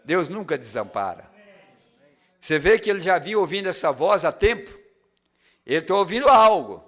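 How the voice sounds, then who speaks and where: A man with a Brazilian Portuguese accent, preaching a sermon in a church, who moves between loud preaching and hushed, low retelling. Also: big pitch swings, normal speed. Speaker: pastor. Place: church tabernacle.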